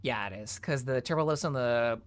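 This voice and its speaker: Brisk and smooth at medium pitch, a streamer offers casual walkthrough commentary on an online game. They chat informally, think aloud, explain each step and drop the occasional mild swear.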